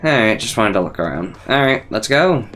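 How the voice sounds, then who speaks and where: A man's voice: fairly low pitch, very animated, brisk, fairly bright tone, slight background noise. A man giving casual let's play commentary, rambling and thinking aloud in loose asides. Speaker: gaming video host. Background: faint game music.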